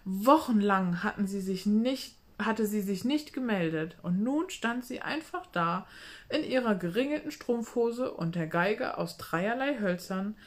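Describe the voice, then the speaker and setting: Woman reading a children's story aloud. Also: mid-range voice. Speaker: reader of a children's book.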